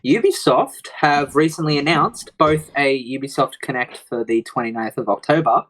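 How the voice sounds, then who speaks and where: A man's voice: on the high side, moderate pace, a bit bright, rough recording. A man on a gaming podcast, easygoing and a bit hesitant, chatting and reading out news items. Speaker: podcast panelist.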